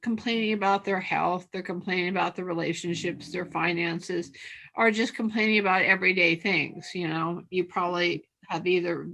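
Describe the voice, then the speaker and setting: A woman's voice: on the low side, steady tone, normal speed, fairly bright tone. A woman hosting an interview, asking casual questions and stammering as she restarts them. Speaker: interview host.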